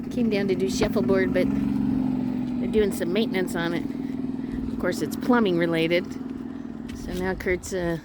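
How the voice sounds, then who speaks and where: A woman chatting casually as a vlogger, with a chirpy, exclaiming manner. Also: fairly low pitch. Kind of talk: casual vlog chat. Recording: noisy handheld vlog with ambient sound. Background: clear background noise.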